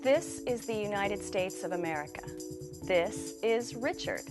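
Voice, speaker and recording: A woman teaching a beginner English lesson, with slow, clear, drilled delivery. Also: medium pitch, expressive, over music.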